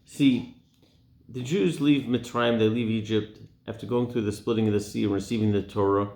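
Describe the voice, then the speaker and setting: A man's voice: fairly even intonation, normal speed, a little mellow. A man teaching the weekly Torah portion in an earnest tone, posing rhetorical questions and dropping his voice on key points. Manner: earnest, asks rhetorical questions, drops low on key words. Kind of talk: Torah talk to camera. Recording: echoey room.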